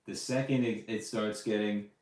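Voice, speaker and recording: A man's voice: lowish voice, steady tone, normal speed, a little mellow. A man hosting a casual live podcast, chatting loosely with lots of fillers and restarts. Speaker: podcast host answering live questions. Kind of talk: casual livestream chat. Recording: roomy echo.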